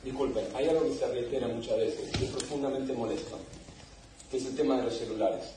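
A man, an actor, addresses a theater audience in a stern, emphatic way. His mellow voice is heard from a distance in a very echoey hall, with faint room noise behind. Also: medium pitch, fairly quick. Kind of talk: curtain speech to a theater audience.

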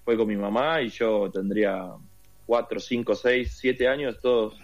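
An Argentine man with a Rioplatense Spanish accent, medium-pitched and measured, rambles through a long story full of fillers as a guest in a casual interview. The recording is muffled.

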